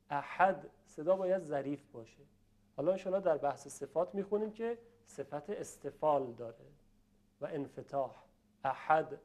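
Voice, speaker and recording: A man teaching Quran recitation to a class, explaining patiently in speech and chanting slow examples for students to repeat. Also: a little high, a little mellow.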